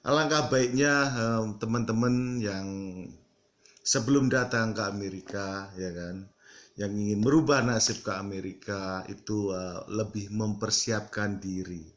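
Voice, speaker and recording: A middle-aged man from East Java talking casually to his viewers, halting often with fillers and slipping into English. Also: lowish voice, fairly even intonation. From East Java, Indonesia. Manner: halting, many fillers, mixes English into Indonesian. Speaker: vlogger. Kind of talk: casual talk to camera.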